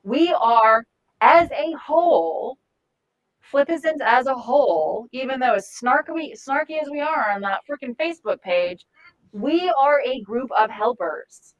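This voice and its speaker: A woman's voice: high-pitched, animated, a little slow, muffled recording. A woman giving a volunteer training talk, blunt and profane, acting out example phrases.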